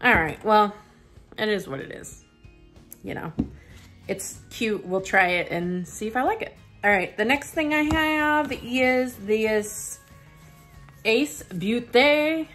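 Soft music plays behind a young woman whose fairly high, slightly bright voice moves at an unhurried pace. Reviewing a beauty subscription box, she unboxes and tries the makeup in casual chat, musing aloud and leaning on fillers.

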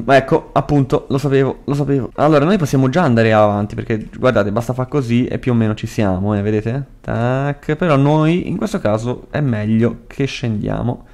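A young man with a Florentine Italian accent giving casual gameplay commentary, excitable and swearing a lot. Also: mid-range voice. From Italy. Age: young adult. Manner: excitable, swears a lot, shrieks when startled. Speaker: gaming youtuber.

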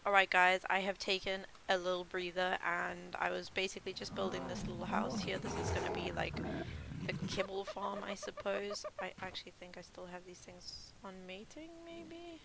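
A woman's voice: mid-range voice, fairly even intonation, moderate pace, gravelly, heavy background noise. A woman giving casual gameplay commentary as a gaming YouTuber, panicky, repeating herself in bursts and laughing nervously.

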